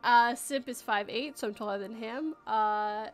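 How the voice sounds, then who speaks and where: Reading chat messages aloud with loose talk and laughter, a Canadian podcast host in her thirties runs a casual chat show. Her voice is on the high side and unhurried, with soft music playing in the background.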